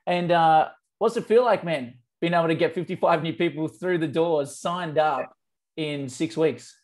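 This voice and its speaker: A man's voice: on the high side, moderate pace. A man in his thirties hosting a marketing interview over a video call, talking with enthusiasm and casual slang. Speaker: marketing agency host. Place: office with branded backdrop. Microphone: earphone headset.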